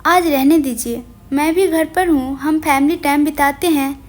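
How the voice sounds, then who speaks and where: A woman voicing an affectionate young husband in his twenties who speaks calmly and lovingly. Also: sits high, moderate pace, close to an everyday voice. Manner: calm and warm.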